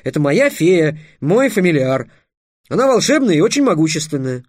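A man voicing an eager young apprentice wizard, a little higher than his own voice. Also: big pitch swings, a little fast, darkish tone, no room sound, clean studio sound. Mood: earnest.

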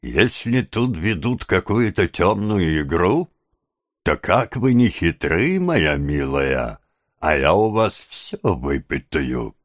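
A man voicing a sly, secretive old male fence, speaking low and hushed with a drawn-out, scheming tone. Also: big pitch swings, no room sound, clean studio sound, exaggerated voice.

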